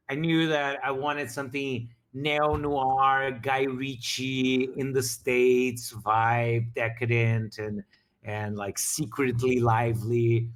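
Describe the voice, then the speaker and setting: A man's voice: medium pitch, fairly bright tone. A man talking casually as a game master, rambling with frequent restarts while reflecting on his campaign. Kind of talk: casual after-show chat.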